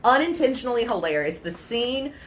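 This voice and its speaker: Animated woman chatting about movies. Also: fairly high pitch, fairly quick, slight background noise. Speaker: podcast co-host. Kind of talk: casual chat about movies.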